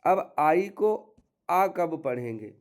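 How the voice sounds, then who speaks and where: Guy teaching english pronunciation, talks slow, smooth clear voice. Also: a little high, expressive. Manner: slow, explaining rules step by step with word examples. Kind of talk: classroom-style pronunciation lesson.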